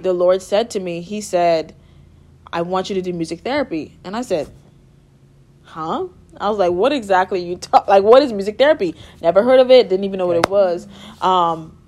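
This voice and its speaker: Here a young Bahamian music therapy student chats as a guest in a relaxed interview. Her medium-pitched voice is a little mellow, and she comes across as bubbly, laughing often and using lots of fillers.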